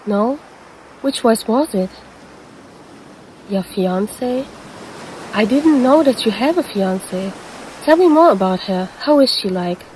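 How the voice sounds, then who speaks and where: A woman's voice: fairly high pitch, animated, slow pace, pauses often, a little mellow, slight background noise, low-quality recording. A woman voicing a predatory female siren who poses as a lifeguard and teases the listener in an audio roleplay. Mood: concerned, puzzled. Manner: teasing, calls the listener handsome.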